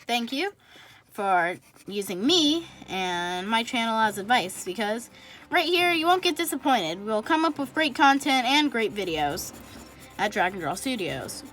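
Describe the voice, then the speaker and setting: A woman hosting a drawing channel, chatting and thinking out loud as she colors, often correcting herself mid-sentence. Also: on the high side, very animated, a little slow. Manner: rambling, chatty, talks while coloring. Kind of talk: casual drawing tutorial narration.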